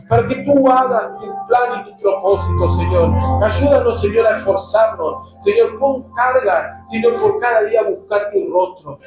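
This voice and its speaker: Preacher: man with an Argentine accent, high voice, echoey church hall with music behind. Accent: Argentine Spanish. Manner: fervent prayer, repeating "Lord" in nearly every phrase. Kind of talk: sermon and congregational prayer.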